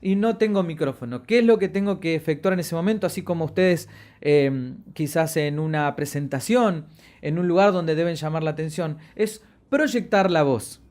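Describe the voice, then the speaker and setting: A man who instructs in voice and media is giving a lesson on projection. He plays with his pitch and volume on purpose, drawing out the words he means to emphasize in an expressive way.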